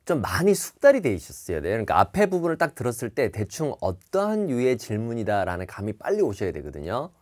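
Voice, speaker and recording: A man's voice: mid-range voice, huge pitch swings, quick pace, few pauses, darkish tone. A man teaching TOEIC listening in an online lecture, explaining each answer and repeating key words.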